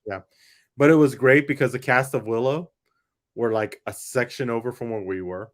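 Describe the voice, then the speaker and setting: Male co-host, mid-pitch, relaxed and teasing in casual talk. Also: normal speed. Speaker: watch party co-host. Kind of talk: casual pop-culture chat.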